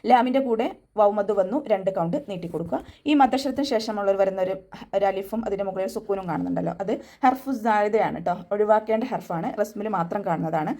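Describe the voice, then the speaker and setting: A young woman teaching Quran recitation in an online class, explaining each step patiently and adding gentle reminders. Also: medium pitch, fast. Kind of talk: online tajweed class instruction.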